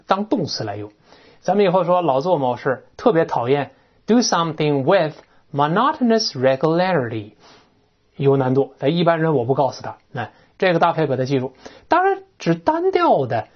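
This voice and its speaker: Chatty English teacher, lively swooping delivery, dull lo-fi recording. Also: mid-range voice. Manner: animated, chatty, imitates sounds, often asks "right?". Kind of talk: classroom-style lecture on vocabulary.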